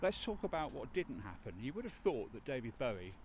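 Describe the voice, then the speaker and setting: A man walks a busy city street and keeps up an enthusiastic, rambling guide's patter, full of ums and restarts. His pitch sits in an ordinary middle range. Loud traffic and building noise run under everything he says. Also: very animated, fairly quick. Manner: rambling, enthusiastic, with many fillers. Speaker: podcast host and tour guide. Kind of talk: chatty walking-tour talk.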